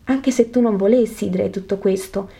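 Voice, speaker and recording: A poor man just healed speaks in a hushed, halting, earnest way, humble and devoted, read by a woman. The voice is mellow and soft, with slow pauses. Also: medium pitch, gravelly, close to an everyday voice. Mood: humble, moved. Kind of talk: scripted reading of a religious narrative.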